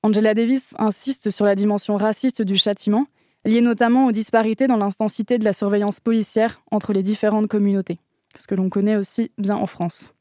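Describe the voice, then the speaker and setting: A woman reading a literary, activist column on a radio show in a steady, earnest way. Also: medium pitch, fairly quick, no echo, clean studio sound.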